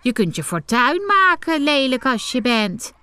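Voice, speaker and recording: Brash little gosling guy, lady doing the voice, way up high, cocky, storybook. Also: very animated, a little slow, bright, forceful tone, clear, resonant tone, dry recording, full character voice. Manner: bold and cocky. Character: cheeky young male gosling, brash.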